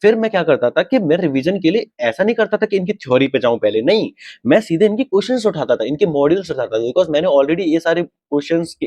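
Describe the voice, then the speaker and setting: Young male mentor, mid-pitched voice, dry close sound, direct and coaching. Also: a little mellow, no room sound. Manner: direct, repeats "ठीक है" and "right" to check in, mixes English phrases. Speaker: exam prep mentor. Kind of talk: casual advice talk to students.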